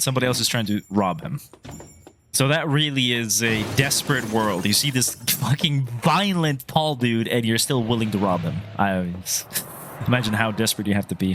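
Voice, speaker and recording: A man's voice: lowish voice, a bit bright. A man with a Finnish accent chatting casually while reacting to an anime episode, rambling, swearing and laughing at himself. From Finland. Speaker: reaction channel host.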